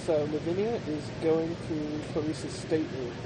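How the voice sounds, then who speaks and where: A woman with a fairly low voice runs a tabletop role-playing game. She talks casually, prompting players and setting scenes over loud background rumble. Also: moderate pace. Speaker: game facilitator.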